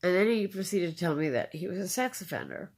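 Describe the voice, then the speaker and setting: Woman telling her story, kinda low gravelly voice, keeps repeating herself for emphasis. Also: lively intonation, darkish tone. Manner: repeats phrases for emphasis, halting with fillers. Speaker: interviewee. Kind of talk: personal storytelling in conversation.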